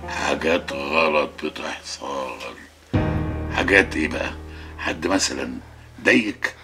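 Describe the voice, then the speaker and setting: An actor playing a stern, quick-tempered Egyptian husband and father who interrogates and shouts at his family. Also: very deep voice, vocal fry, over music, full character voice. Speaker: family patriarch. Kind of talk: TV drama acting. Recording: roomy TV drama with loud score.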